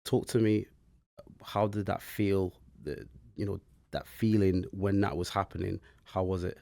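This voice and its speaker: A man's voice: low voice, fairly even intonation, a little slow, vocal fry, a little mellow, dry recording. A man hosting a podcast interview, asking questions in an encouraging way. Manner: encouraging, short affirmations. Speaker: podcast host.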